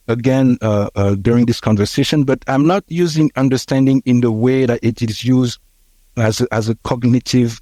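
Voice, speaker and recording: Podcast guest, man in his sixties, warm dark tone, dry close sound, halting reflective delivery. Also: mid-range voice, dry recording. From Haiti. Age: 60s. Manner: hesitant, many fillers and restarts. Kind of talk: reflective conversational storytelling.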